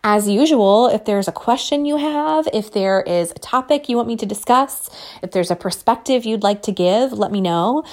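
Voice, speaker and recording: Casual woman podcaster in her thirties, a bit gravelly, self-deprecating and open. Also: on the high side, normal speed, a little mellow. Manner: candid, chatty, self-deprecating. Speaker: podcast host. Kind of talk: casual solo podcast talk.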